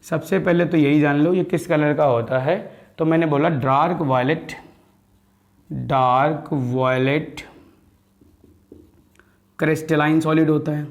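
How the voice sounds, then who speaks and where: Man teaching chemistry, slightly high voice. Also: steady tone, normal speed, highs cut off. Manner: asks students questions and answers them himself; calls students "beta" and "bhaiya". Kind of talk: classroom lecture.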